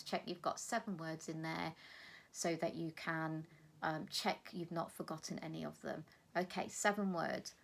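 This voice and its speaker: A woman teaches phonics to young children on video. Her voice sits low with a gravelly edge. She spells out sounds slowly and keeps her praise encouraging, sometimes stepping back from the camera. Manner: slow, clearly spelled-out words, encouraging. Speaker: primary school teacher. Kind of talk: recorded phonics lesson for children.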